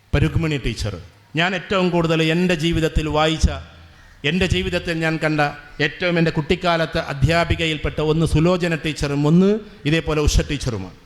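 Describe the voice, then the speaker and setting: A man gives a motivational speech at a school, telling stories to students and teachers and slowing down to stretch words for emphasis. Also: on the high side. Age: 40s. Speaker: guest speaker at a school.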